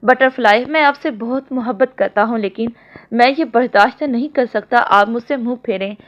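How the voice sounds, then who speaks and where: A woman reading the lines of a possessive, doting young man in a romance novel, low and firm. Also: moderate pace, lightly acted. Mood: stern. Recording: dull lo-fi audio.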